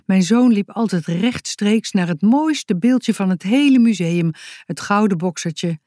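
A woman's voice: mid-range voice, animated, unhurried, dark tone, dry recording, studio quality, natural voice. A woman voicing a protective middle-aged mother in a children's audiobook, pleading and solemn.

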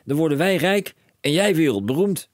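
Storybook dad voiced by a man: high, yelling, manic, lively swings, dry close sound. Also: normal speed, dry recording. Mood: overexcited. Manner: shouting, breathless overexcited rants. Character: excitable bellowing middle-aged father, inventor-mad. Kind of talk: audiobook character voice.

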